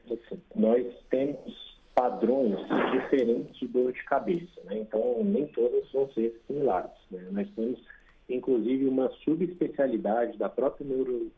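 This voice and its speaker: Doctor on tinny speakerphone. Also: male voice, medium pitch. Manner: tags sentences with frequent "né?". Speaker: doctor being interviewed. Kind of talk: explanatory phone interview. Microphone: phone on speakerphone.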